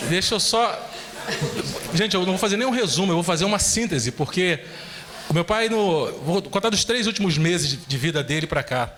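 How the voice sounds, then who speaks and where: A man's voice: sits high, expressive, normal speed, a bit bright. Man in a reverberant hall. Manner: earnest storytelling. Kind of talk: testimony in a church class. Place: church.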